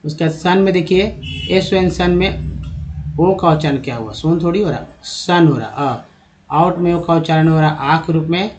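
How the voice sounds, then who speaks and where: Man teaching English word by word. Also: fairly high pitch. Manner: repeats each word slowly and spells it out; addresses viewers as friends. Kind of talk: spoken English lesson.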